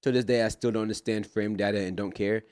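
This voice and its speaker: A man streaming live, reacting to clips in a relaxed, slangy, joking way. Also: lowish voice, fast, dry recording, clean studio sound. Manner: laid-back, joking, slangy commentary. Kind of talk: casual live-stream chat.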